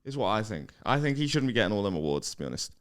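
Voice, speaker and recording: A man's voice: on the low side, big pitch swings, rapid-fire. A man co-hosting a comedy debate podcast, chatting casually in a teasing, sweary way.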